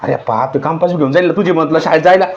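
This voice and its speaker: A woman playing a mother in a family comedy skit, talking excitedly and calling out loudly. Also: deep voice, very fast, dull audio, slight background noise.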